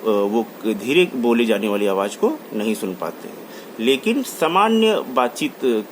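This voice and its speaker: This lecture comes from a college teacher with a medium-pitched, very animated voice who speaks unhurriedly. He blends English terms into Hindi, repeats key terms, and restates each point, over faint background noise.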